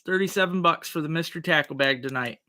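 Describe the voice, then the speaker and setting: A man's voice: a little high, fast, sharp tone. A man hosting a casual livestream auction, repeating the current bid in a folksy auctioneer's manner.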